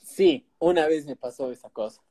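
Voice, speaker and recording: A man's voice: a little high, moderate pace, dark tone. A man with an Ecuadorian accent, a comedian in casual chat, joking around with crude slang. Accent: Ecuadorian Spanish.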